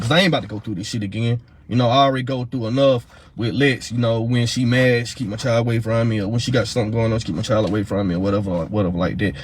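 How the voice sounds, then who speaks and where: With a little hiss or hum in the background, a man speaking in a mid-range voice goes over how he looked for his missing daughter's mother. The casual account is quick and heated, and he keeps circling back with repeats and fillers.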